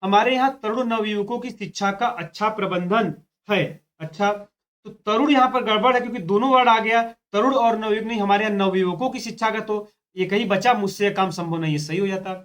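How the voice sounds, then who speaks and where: High-voiced man teaching exam grammar. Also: a little fast, fairly bright tone. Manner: talks through test questions step by step, repeating phrases; addresses students directly with "dekho" and "thik hai". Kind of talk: exam practice lesson.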